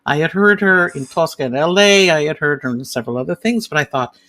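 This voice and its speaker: Woman, 60s, opera singer guest; animated, effusive storyteller. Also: sits low, quick pace. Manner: animated, gushing anecdotes with vivid imagery. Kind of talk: casual storytelling chat.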